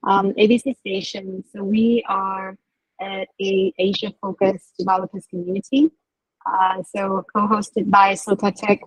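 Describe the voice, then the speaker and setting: A woman host announcing a livestream. Her voice is a little husky and sounds dry and close. She speaks haltingly, with many fillers. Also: mid-range voice, dry recording, poor audio. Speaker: host, community co-host.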